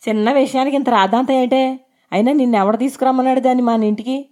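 A woman's voice: on the high side, a little fast, mellow, lightly acted. A woman voicing a boastful, crude young husband who talks in a mocking, sneering way.

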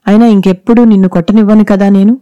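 A woman's voice: steady tone, quick pace, clear, resonant tone, no echo, muffled recording, close to an everyday voice. A woman voicing a distraught young mother who cries and scolds sharply. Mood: tender. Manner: tearful, sharp and shrill when scolding.

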